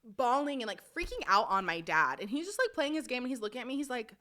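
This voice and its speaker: A young woman hosting a podcast, telling stories in a chatty, animated way full of fillers. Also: on the high side, fast talker. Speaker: podcast host. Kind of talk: casual chat.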